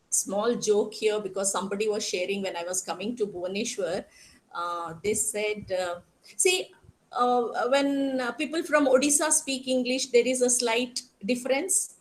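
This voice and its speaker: A woman from Karnataka with a strong South Indian accent, teaching an interactive online class, explaining haltingly and putting questions to students. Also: on the high side, poor audio. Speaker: college teacher.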